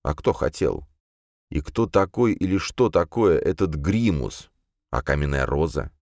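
Deep-voiced expressive male audiobook narrator. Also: unhurried, creaky, dry recording, clean studio sound. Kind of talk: scripted narration.

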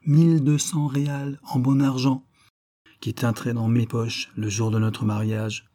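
A man's voice: medium pitch, flat delivery, a little slow, mellow, close to an everyday voice. A man reading aloud and voicing an eager, boastful young fisherman who stresses his words. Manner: eager, stressing each syllable.

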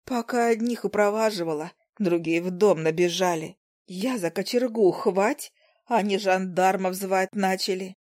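A woman's voice: mid-range voice, measured pace, darkish tone, lightly acted. A woman voicing a kindly, worried older aunt who talks in a homely, confiding way. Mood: indignant.

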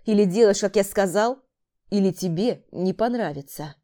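A woman's voice: mid-range voice, moderate pace, warm tone, close to an everyday voice. A woman voicing a brutal male killer in an audiobook, harsh and barking insults at his sister. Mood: angry. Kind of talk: audiobook character voice.

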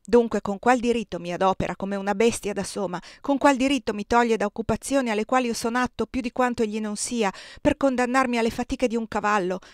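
A woman's voice: a little high, dry recording, lightly acted. A woman reading the part of an enslaved young husband who speaks grimly and bitterly about his master, in a dry, close audiobook recording.

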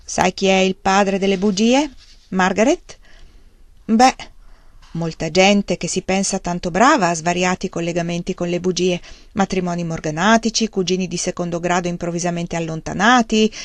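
A woman reading the lines of a kindly, teasing older gentleman in a fatherly, gently chiding manner. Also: lowish voice, moderate pace, no echo, lightly acted.

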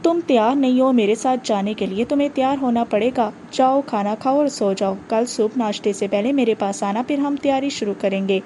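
A woman's voice: on the high side, hardly any pauses, mellow, a little hiss or hum, close to an everyday voice. A woman reading the part of a blunt, tough male fellow prisoner, curt and commanding. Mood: stern.

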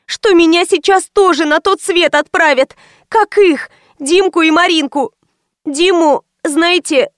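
A woman putting on a shrill, frightened young woman. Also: a little slow, dry recording, studio quality. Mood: anxious, pleading. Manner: shrill, panicky, pleading. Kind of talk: audiobook character voice.

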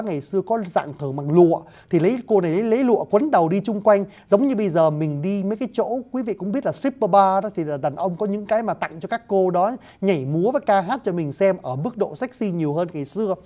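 Man, lecturer, spoken poetry lesson, mellow dark tone, polite address to listeners, hesitant fillers. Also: high-pitched, lively intonation. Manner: addresses listeners as "thưa quý vị", explains word by word; hesitant fillers, slow deliberate explaining.

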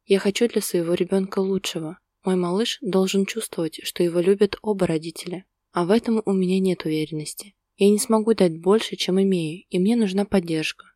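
A woman reading the part of a heartbroken young woman, speaking quietly with tearful resolve. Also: medium pitch, fairly quick, few pauses, no echo, studio quality, lightly acted. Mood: sorrowful.

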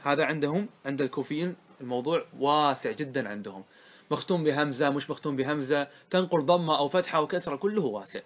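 A man teaching a grammar lesson to a class, explaining the rules and checking often whether his students follow. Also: fairly high pitch. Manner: asks students quick check questions; chants verses slowly. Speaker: sheikh teaching Arabic grammar. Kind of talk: classroom lecture explaining verse.

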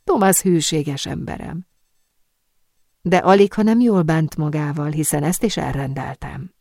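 A woman reading the part of a calm, self-satisfied Italian nobleman, speaking in a measured way. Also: low voice, no room sound, clean studio sound. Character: calm scheming Italian nobleman, middle-aged man.

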